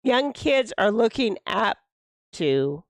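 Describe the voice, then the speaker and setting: A woman's voice: a little high, very animated, slow, no echo. A woman in her late fifties co-hosting a casual couch chat, agreeing and prompting to keep going. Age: 50s. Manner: agreeable, prompting, many mm-hmms. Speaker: co-host.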